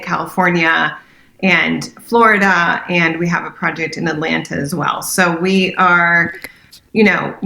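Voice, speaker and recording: Bright-voiced woman in a roomy echo. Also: lowish voice, vocal fry. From France. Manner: earnest and enthusiastic, with many fillers. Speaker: interior designer, podcast guest. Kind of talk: casual interview chat.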